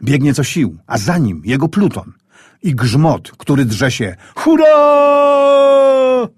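A man reading a wartime story aloud in a grave, measured, tense manner. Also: mid-range voice, sing-song, darkish tone, slightly rough, dry recording, clean studio sound. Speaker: audiobook narrator. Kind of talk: scripted wartime story narration.

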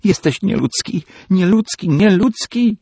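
A whiny, demanding young heiress from an audiobook, voiced by a male narrator. Her voice climbs shrill when she is upset, with a husky grain and a dry, close sound. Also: very animated, moderate pace, a little mellow, dry recording. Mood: hysterical. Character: young woman, spoiled wealthy daughter, tearful and demanding.

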